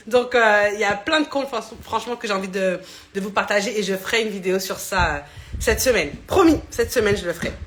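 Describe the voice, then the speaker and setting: A woman's voice: medium pitch, fairly quick, fairly bright tone, slight background noise. A woman in her thirties, chatting casually on a live stream from her phone at home, laughing often and restarting her sentences. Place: indoors at home next to a fan. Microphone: phone camera.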